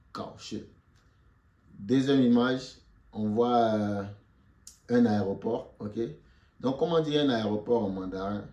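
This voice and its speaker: Man, Mandarin teacher, slow and patient, dark mellow voice, echoey room. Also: lowish voice. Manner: slow, patient, repeats words for learners. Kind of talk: online language lesson.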